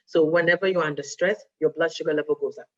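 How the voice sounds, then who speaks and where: A woman's voice: sits low, steady tone, fast talker. A woman, a diabetes educator giving a casual health talk. She speaks conversationally, often checking in with "right?" and slipping Twi phrases into her English. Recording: dull lo-fi recording.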